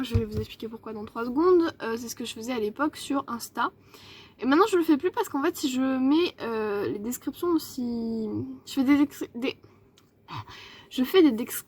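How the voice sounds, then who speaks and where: A woman's voice: high-pitched, husky. A young woman book vlogger in a casual evening vlog at her desk at home, chatty and rambling, with many fillers and self-corrections.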